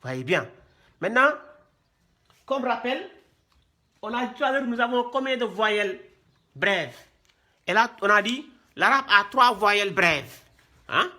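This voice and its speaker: A man with a high, sharply toned voice and wide pitch swings teaches a classroom lesson on reading Arabic script as a Quran reading teacher. He speaks at a measured pace with long pauses, repeating each point and drilling terms while checking in with "hein" and "voyez bien."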